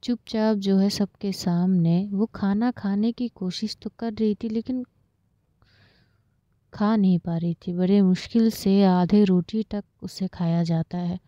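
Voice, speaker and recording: A woman's voice: mid-range voice, steady tone, slow, mellow, dry recording. A woman narrating a romance story in a casual, plain way, with many fillers. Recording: slightly dull lo-fi recording.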